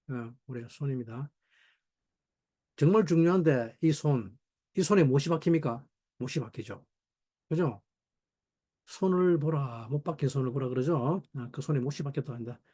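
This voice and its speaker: A middle-aged man teaching a Bible study in sermon style, asking rhetorical questions and voicing quoted people. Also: on the high side. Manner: animated, rhetorical questions, voices his wife in quotes.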